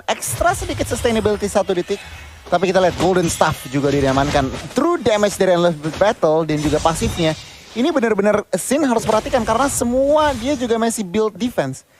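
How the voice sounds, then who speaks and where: Male Indonesian game analyst, high-pitched commentary with faint music underneath. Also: a little fast.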